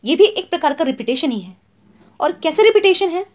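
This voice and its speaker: Woman teacher, high voice, very animated pitch, slow deliberate English definitions, mixed Hindi explanation. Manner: reads English definitions slowly, explains in Hindi with frequent "ठीक है". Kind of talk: Hindi-English exam lesson.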